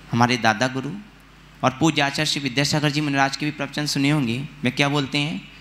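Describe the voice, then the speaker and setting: Man teaching chanted recitation, bright voice. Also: a little high, a little hiss or hum. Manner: explains quickly, then chants verses slowly and loudly. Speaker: Jain monk teaching recitation. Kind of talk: recitation class, teaching pronunciation of a Sanskrit hymn.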